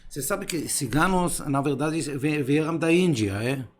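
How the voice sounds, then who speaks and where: A man's voice: a little high, normal speed. Israeli-born man, hesitant speech. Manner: hesitant, filler-heavy, broken Portuguese. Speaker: guest philosopher. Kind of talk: casual podcast interview. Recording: faint background noise.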